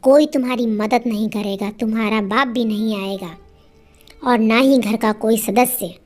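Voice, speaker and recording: A woman's voice: on the high side, fairly even intonation, unhurried, darkish tone. A woman voicing a cruel, greedy young husband who speaks in a harsh, menacing way while telling a story. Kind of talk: storytelling with acted dialogue.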